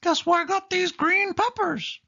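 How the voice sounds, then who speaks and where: A man voicing a cheerful little cartoon mouse in a squeaky falsetto for a children's storybook. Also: a little slow, gravelly, sharp tone, lo-fi sound, heavily acted. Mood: chirpy, upbeat. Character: cheerful cartoon mouse, male, small and chirpy.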